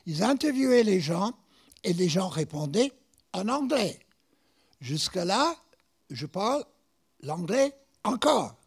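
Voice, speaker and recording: A man with an American accent delivers a sermon in a high, lively voice that rises and falls a lot. His pace is slow and deliberate, and he often repeats words as he tells a story. The voice has a gravelly, husky edge. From United States. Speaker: preacher.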